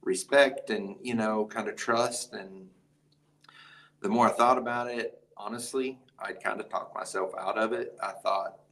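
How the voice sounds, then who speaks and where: A man's voice: on the low side, measured pace, rough recording. A man, a rodeo event producer, telling a story in an interview and acting out the conversations he quotes. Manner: animated, acts out quoted conversations.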